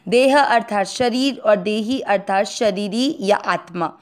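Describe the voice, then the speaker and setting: An Indian woman teaching Sanskrit pronunciation, breaking words into syllables and then chanting each verse slowly. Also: mid-range voice. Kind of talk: slow syllable-by-syllable recitation lesson.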